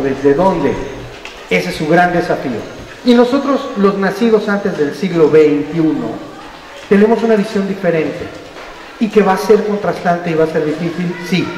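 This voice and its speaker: A man's voice: high-pitched, a little mellow. Playful older Mexican man in echoey hall. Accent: Mexican Spanish. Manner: playful, jokes with the audience, acts out voices. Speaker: storyteller giving a talk to trainee teachers. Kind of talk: lively talk with audience. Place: school auditorium. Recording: roomy hall, distant mic, faint noise.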